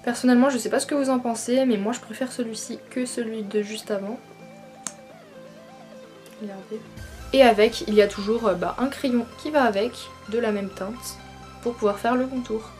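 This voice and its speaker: A young woman with a slightly high voice, talking hesitantly through a casual vlog and often stopping on fillers. She sits a little away from the camcorder mic, with faint music behind her. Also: fairly even intonation, normal speed, darkish tone, recorded from a distance. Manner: hesitant, many fillers, apologetic. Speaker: beauty vlogger. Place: her mother's bedroom, indoors.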